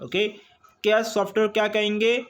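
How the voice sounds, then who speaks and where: A man with an Indian accent teaches an informal online exam-prep lesson, reading quiz questions aloud and explaining them. His voice is high-pitched and flat at a moderate pace. He repeats himself and keeps checking in with listeners through questions and frequent tags.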